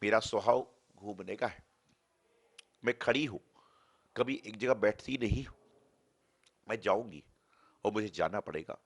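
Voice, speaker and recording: Man doing a goddess of wealth, calm, steady, storybook telling. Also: on the low side, measured pace, pauses often, husky. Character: calm goddess of wealth, female, restless wanderer.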